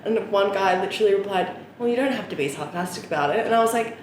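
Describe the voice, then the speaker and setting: A woman's voice: mid-range voice, expressive, quick pace. Dry sweary aussie woman on a podcast, super echoey room, bit of hiss. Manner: blunt, sweary, dry humor. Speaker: podcast co-host. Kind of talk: casual chat.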